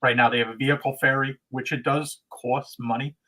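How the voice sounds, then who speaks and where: This American man is a guest on a casual livestream, explaining things in a meandering way full of restarts and hedges. His medium-pitched voice stays steady in tone but sounds pushed and bright, and he talks a little fast.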